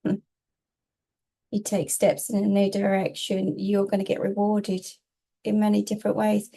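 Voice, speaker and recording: A woman with a warm, relaxed voice of average pitch delivers a tarot reading as casual spiritual guidance. She is reassuring yet emphatic, stacking short phrases and repeating them to press the message home. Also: moderate pace, vocal fry. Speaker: tarot reader, host.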